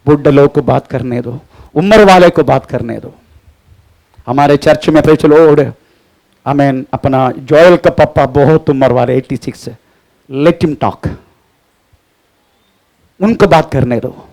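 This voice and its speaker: A man's voice: fairly high pitch, takes it slowly, pauses often, darkish tone. A middle-aged male pastor preaching a sermon, often breaking in with praise the Lord and echoing the Bible reader's lines. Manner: repeats the reader's lines, frequent "praise the Lord" and "haan" interjections.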